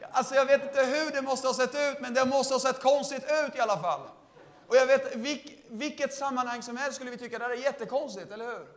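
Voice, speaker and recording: A young man giving a lively testimony sermon, laughing often and calling out to the congregation. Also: extremely high pitch. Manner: lively storytelling, laughing often, shouts to the crowd. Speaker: preacher.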